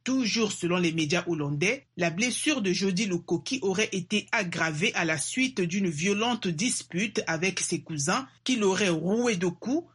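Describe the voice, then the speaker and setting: A woman presenting the sports segment of a radio news bulletin in a steady, measured delivery. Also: on the low side, slightly rough.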